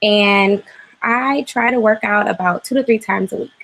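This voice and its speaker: A 25-year-old woman from Cleveland gives a class presentation. She pauses often with "um" fillers. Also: medium pitch, fairly bright tone, poor audio. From Cleveland, Ohio, USA. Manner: hesitant, frequent "um" fillers. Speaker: graduate student presenter.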